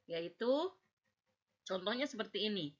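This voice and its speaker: A woman teacher giving a patient lesson on recitation, slowly drawing out example words and checking in with her students. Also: mid-range voice, expressive. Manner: checks understanding with "ya" and "oke". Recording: dull lo-fi recording.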